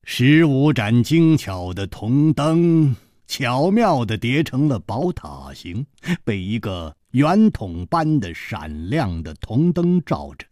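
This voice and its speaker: A middle-aged man narrating a martial-arts tale in traditional Chinese storytelling style, slow and dramatic. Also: medium pitch, darkish tone, no echo, studio quality. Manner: slow, dramatic, varied delivery.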